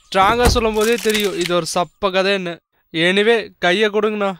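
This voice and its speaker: An actor playing a cheeky young college student who jokes with an older friend. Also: male voice, high voice, moderate pace, background noise, lightly acted. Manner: cheeky, joking. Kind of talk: short film acting.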